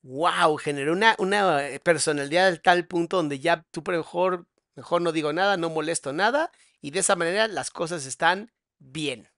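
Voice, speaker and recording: A man hosting an interview as a therapist, calmly asking empathetic questions. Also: fairly high pitch, moderate pace. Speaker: host, therapist.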